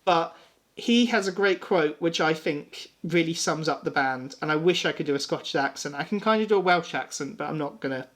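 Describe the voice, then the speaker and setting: A man's voice: on the high side, expressive, fairly quick, a bit bright. A man co-hosting a casual music chat, rambling and self-deprecating. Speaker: podcast co-host.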